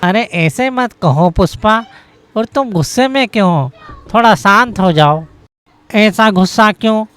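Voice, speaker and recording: A voice actor playing a hot-tempered young husband in a cartoon story, blustering and quick to rage. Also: mid-range voice, expressive, a bit bright, clean tone. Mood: soothing. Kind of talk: cartoon voice acting.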